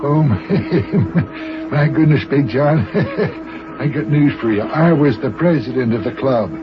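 A man's voice: mid-range voice, brisk, over music, natural voice. A man playing a jolly, pompous, boastful fat mayor in an old children's radio serial. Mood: amused, boastful. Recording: muffled old radio recording.

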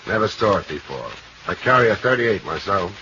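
An actor playing a wisecracking, unflappable private investigator with a dry, sardonic delivery in a 1940s radio detective drama. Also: male voice, fairly low pitch, expressive, a little fast, close to an everyday voice. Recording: muffled, noisy old radio recording.

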